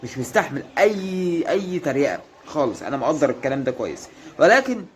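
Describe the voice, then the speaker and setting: A football fan vlogger with an Egyptian Arabic accent speaks to rival fans in a casual monologue, teasing them in a mock-earnest tone and repeating reassurances again and again. His voice is fairly high, sing-song and brisk, with a little hiss or hum in the recording.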